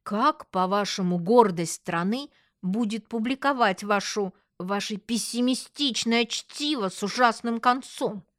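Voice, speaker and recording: A woman's voice: medium pitch, dry recording, studio quality. A woman voicing an elderly male magazine editor who lectures emphatically with rhetorical questions, preachy and stubborn.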